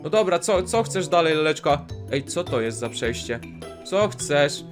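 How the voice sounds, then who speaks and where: A man hosting a game video, talking to his viewers with excitable, jumpy outbursts. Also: fairly high pitch, unhurried, soft background music. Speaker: gaming video host. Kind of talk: Minecraft let's play commentary.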